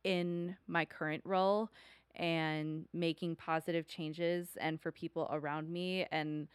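A woman's voice: sits low, little pitch movement, measured pace, clean tone, no echo. A young adult woman co-hosting a casual podcast, earnest and laughing easily. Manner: earnest, reads aloud then laughs easily. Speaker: podcast co-host.

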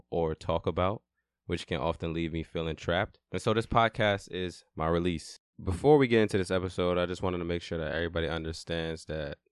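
A man's voice: low-pitched, clean tone, dry recording, studio quality. A man in his twenties hosting a podcast, talking earnestly and often repeating words as he interviews a guest. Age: 20s. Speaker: podcast host. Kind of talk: casual interview.

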